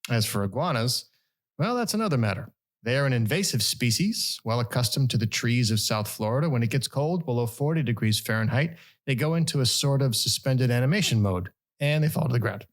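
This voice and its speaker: A man's voice: animated, brisk. A middle-aged man co-hosting a podcast, reading news stories aloud with wry, jokey asides. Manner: wry, jokey delivery with sudden pitch jumps. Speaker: podcast co-host.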